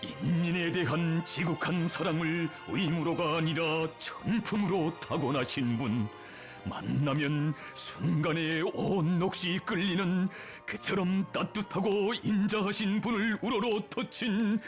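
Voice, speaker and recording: A man's voice: on the high side, a little slow, faint music behind. A man with a North Korean accent narrating a scripted propaganda documentary in a solemn, reverent, emotive declamatory manner.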